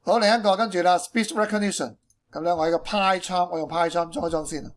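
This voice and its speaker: High-pitched man with Hong Kong accent. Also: fairly even intonation, quick pace. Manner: peppers speech with English technical terms. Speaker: programming tutorial presenter. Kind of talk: informal screencast tutorial explanation.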